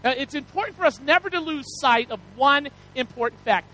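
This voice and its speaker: A man's voice: very high voice, fairly quick, pushed and bright, low-quality recording. A male pastor giving a folksy, rambling sermon, self-deprecating and full of restarts and asides to the congregation.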